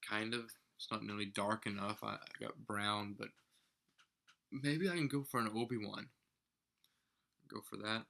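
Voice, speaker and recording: A man's voice: lowish voice, measured pace, gravelly, long pauses, sharp tone. A young man talking casually to camera as a vlogger, rambling with some mock-grand theatrical turns.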